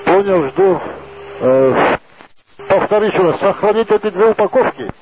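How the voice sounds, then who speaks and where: Aircrew man, slightly high voice, brief businesslike reports, two-way radio with tinny sound and clear static. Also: expressive, normal speed. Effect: over a two-way radio. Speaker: aircraft crew member reporting to ground. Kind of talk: radio traffic procedure.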